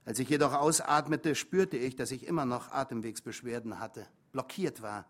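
A male audiobook reader with a calm, measured delivery. He narrates in the first person, and his voice sits at a middling pitch. The telling is steady and even. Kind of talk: memoir read aloud.

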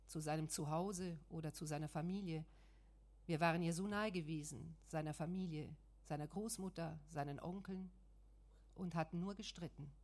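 A woman narrating a first-person memoir audiobook in a measured, reflective way. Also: on the low side, darkish tone.

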